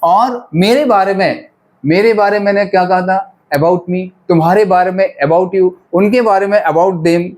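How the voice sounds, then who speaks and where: A man's voice: high voice, a little slow, darkish tone. A male grammar teacher, giving a classroom-style lesson. He repeats each phrase and keeps quizzing his pupils as children.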